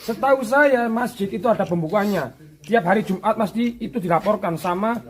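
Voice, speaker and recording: A man's voice: high-pitched, a little fast. A man, a mosque youth member, explaining how mosque accounts should be kept. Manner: explaining, reasoned.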